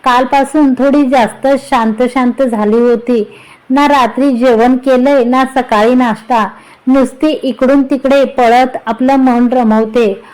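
A woman's voice: sits high, steady tone, a little slow, darkish tone, rough recording. A woman reading the part of an older mother figure who coaxes and teases her son affectionately, storybook-style. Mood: coaxing. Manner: coaxing, affectionate.

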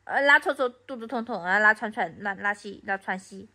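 A woman's voice: medium pitch, fairly quick, pushed and bright. A woman from Anhui scolding her toddler at home, repeating baby talk. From Anhui, China.

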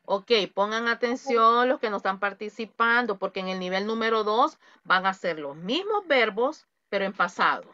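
A woman's voice: medium pitch, expressive, normal speed, few pauses, pushed and bright. A woman teaching an English vocabulary class over a video call, explaining patiently and drilling words with playful asides. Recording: dull lo-fi video call audio.

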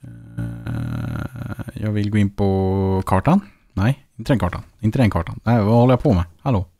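Swedish gamer dude thinking out loud while he plays, kinda low voice, dry sound. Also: dry recording. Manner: chatty, thinks aloud, mutters to himself. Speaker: gaming YouTuber. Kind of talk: casual let's-play commentary.

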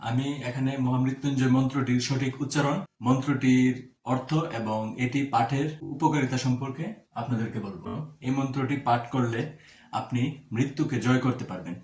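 A man giving a slow, careful pronunciation lesson, spelling words out sound by sound. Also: mid-range voice, steady tone, a little mellow, roomy sound, far from the mic, faint music behind. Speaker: teacher.

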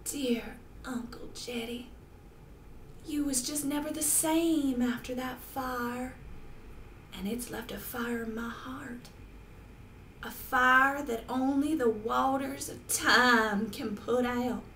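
A woman's voice: sits high, fairly even intonation, bright, forceful tone, heavily acted. A young woman playing a tragic, sorrowful pregnant small-town girl mourning her mother in a melodramatic monologue. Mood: quiet sorrow. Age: young adult. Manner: tragic, sorrowful, melodramatic pleading with drawn-out pauses. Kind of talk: overwrought dramatic monologue. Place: small bedroom, indoors. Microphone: webcam at arm's length. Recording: roomy webcam sound, faint noise.

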